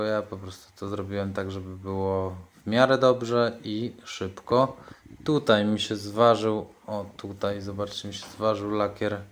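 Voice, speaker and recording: Middle-aged man, lowish voice, relaxed matter-of-fact workshop vlog, home garage. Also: slight background noise. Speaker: car repair vlogger. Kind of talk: casual workshop vlog narration.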